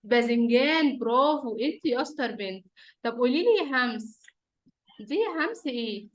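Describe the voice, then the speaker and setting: An Egyptian woman with a high voice and an Egyptian Arabic accent teaches an online class of young children over a video call on a computer or phone. Her intonation is lively and her speed normal as she runs an interactive lesson, asking simple questions, repeating herself, praising and coaxing the kids.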